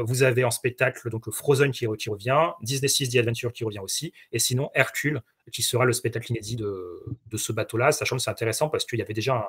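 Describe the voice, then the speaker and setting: A man's voice: mid-range voice, slightly rough. A man chatting as a guest on a live stream, eagerly listing many details. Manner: rapid, packed with details. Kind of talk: casual live-stream chat.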